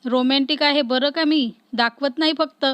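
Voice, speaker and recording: A woman's voice: high voice, steady tone, normal speed, a bit bright, no room sound. A woman voicing a bashful young man in love in a playful, teasing way.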